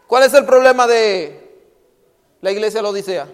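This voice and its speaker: A man preaching a sermon on a microphone. He asks rhetorical questions and swings between loud, emphatic lines and hushed ones. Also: high voice, normal speed, clean tone. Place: church hall. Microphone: handheld microphone. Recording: hall with long reverb.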